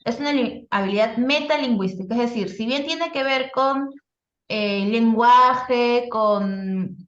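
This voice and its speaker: A woman's voice: on the high side, unhurried, a bit bright. Woman lecturing over an echoey call. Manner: explanatory, frequent "¿no?" and "eh" fillers. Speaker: teacher and speech therapist. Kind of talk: live online workshop lecture. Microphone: video call. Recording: echoey lo-fi video call audio.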